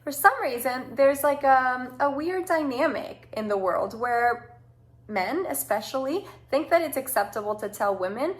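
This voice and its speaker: High-pitched woman giving direct, emphatic advice. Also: lively intonation, measured pace. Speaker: speaker giving social advice. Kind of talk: informal advice talk.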